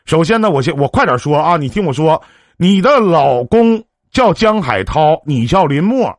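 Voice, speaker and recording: A man's voice: a little high, very animated, moderate pace, no echo, studio quality. A man with a Northeastern Mandarin accent hosting a live-stream relationship advice show, chatting on the phone in a brash, joking, big-brotherly way. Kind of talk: casual phone counseling chat on a live stream.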